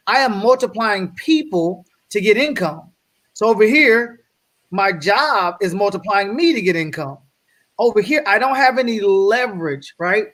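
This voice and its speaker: A man giving an energetic slide presentation as a guest speaker on a video call, often checking in with his audience. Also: high-pitched. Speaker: guest speaker on wealth building.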